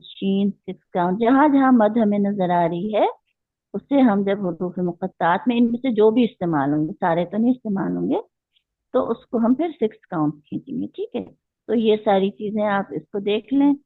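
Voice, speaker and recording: Female recitation teacher, unhurried and methodical, quizzes the class; thin phone-quality audio, no room sound. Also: medium pitch, no room sound. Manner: patient, explaining step by step with questions to students. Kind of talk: online class lecture. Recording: tinny phone-like line.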